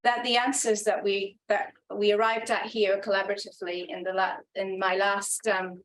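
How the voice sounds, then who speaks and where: A woman with a medium-pitched, level voice talks at normal speed through her conference presentation, earnest and reflective. She stumbles into frequent restarts and ums, and the poor audio has a little hiss or hum.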